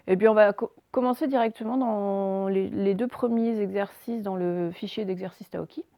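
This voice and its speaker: A woman teaching a recorded phonics lesson to young pupils, slowly and carefully pronouncing example words. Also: mid-range voice, steady tone, mellow, no echo. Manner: slow, carefully articulated words for dictation. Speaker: primary school teacher.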